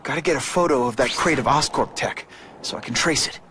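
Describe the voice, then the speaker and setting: A man's voice: medium pitch, fairly quick, sharp tone, lightly acted. A young man with an American accent voicing a wisecracking superhero in a video game, breezy, wry and informal. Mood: musing, quippy. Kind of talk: video game voice acting, quippy monologue. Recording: clear background noise, game ambience.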